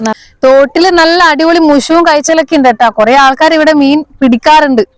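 Lady vlogging, talks real quick, drops english words into malayalam, chatty, no echo. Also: high voice, fairly even intonation. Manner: mixes English words into Malayalam, addresses viewers as guys. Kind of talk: casual vlog chat. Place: outdoors on a village road beside fields.

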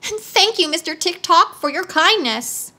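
A woman's voice: very high-pitched, expressive, normal speed, sharp tone, pitched above the performer's own voice, full character voice. A woman reading a storybook aloud, voicing a whining, tearful male wheeler creature who boasts but is really a coward. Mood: eager. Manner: whiny, tearful, pleading.

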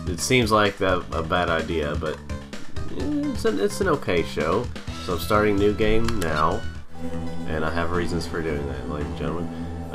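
A man with a low voice gives casual gaming commentary, sitting a little way off from the mic. He rambles hesitantly and pokes fun at himself. Game music plays behind him. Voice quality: slightly distant from the mic. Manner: hesitant, rambling, self-deprecating. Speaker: host of a gaming video series. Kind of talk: casual let's play commentary. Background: video game music.

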